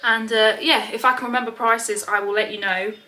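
A woman's voice: fairly high pitch, steady tone, brisk, bright, forceful tone, low-quality recording. A British woman chatting casually to camera as a haul vlogger, slightly out of breath, rambling with lots of ums. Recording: clear background noise with clicks.

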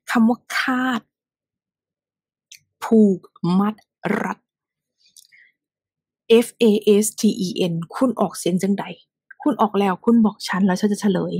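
A woman's voice: mid-range voice, steady tone, a little slow, pauses often, darkish tone, breathy edge, dry recording. A woman teaching English pronunciation, repeating phrases over and over, often half-whispered, and teasing her students directly.

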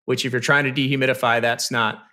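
The man explaining HVAC has a bright, mid-range voice, but his delivery is flat and fast. Presenting over slides, he breaks things down step by step in a conversational manner with frequent "you know" and "okay." He sits in a small indoor room on a video call, speaking into a studio mic on a stand while wearing headphones.

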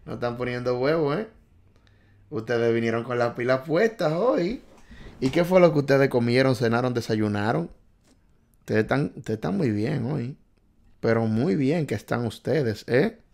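This is a man hosting a casual live stream, reading out driving test questions and the answers viewers send in. His pitch sits in the middle range. He talks in an excitable, chatty way, joking with and scolding his audience. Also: moderate pace, gravelly. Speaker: livestream host quizzing viewers on driving test.

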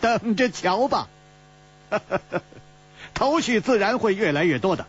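A man's voice: sits high, lively intonation, normal speed, slightly rough, voice pushed up. A man playing an amused, easygoing adventurer. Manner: amused, musing. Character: easygoing, curious young male adventurer. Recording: slightly dull recording with faint hum.

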